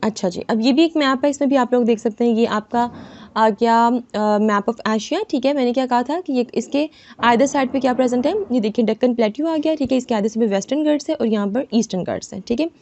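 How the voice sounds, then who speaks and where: A woman teaching an exam-prep lesson over a screen recording, reading English lines slowly and explaining them with constant "theek hai" checks. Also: on the high side, a little mellow. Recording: dull lo-fi voice-over.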